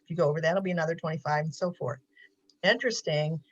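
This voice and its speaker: A woman's voice: sits low, fairly even intonation, fast talker. Woman counselor chatting over a video call, lots of ums and little laughs, dull muffled sound. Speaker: mental health counselor. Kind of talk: casual presentation on a video call.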